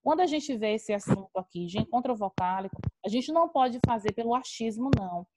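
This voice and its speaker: A woman's voice: on the high side, lively intonation, brisk, noisy background. A woman teacher with a Brazilian accent, patiently explaining grammar in an online class and repeating key terms.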